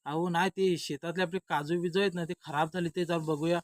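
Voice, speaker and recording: A man's voice: fairly high pitch, steady tone, fairly quick, no echo, close to an everyday voice. A man voicing a practical, nagging village wife. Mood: coaxing. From Maharashtra. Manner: pleading "aho" addresses.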